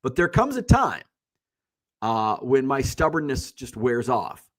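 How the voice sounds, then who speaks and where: This livestream host's medium-pitched voice is very animated yet unhurried, and he sounds congested. Chatting solo, he's casual and blunt, rambling along and cursing freely.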